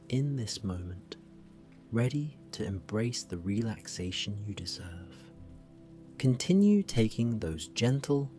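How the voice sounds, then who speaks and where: A man with a fairly low voice narrates a sleep story for grown-ups. His delivery is very slow, gentle and hushed. Soft music and rain play quietly behind him.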